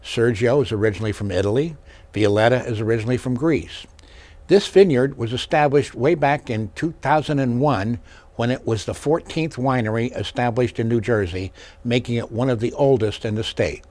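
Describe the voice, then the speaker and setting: A man's voice: mid-range voice, normal speed, darkish tone. Man hosting a studio interview. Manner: scripted introduction, brief listening affirmations. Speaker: host.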